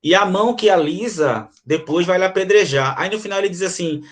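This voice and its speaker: A Brazilian man with a high voice and a Brazilian Portuguese accent teaches an online literature class, explaining a sonnet fairly quickly. He is animated, speaks directly to his students, and reads the verses aloud.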